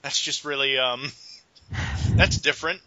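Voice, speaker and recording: A man's voice: mid-range voice, fairly even intonation, measured pace, bright, forceful tone, no echo, lo-fi sound. A man co-hosting a casual chat, reacting with snarky, incredulous remarks. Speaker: podcast co-host.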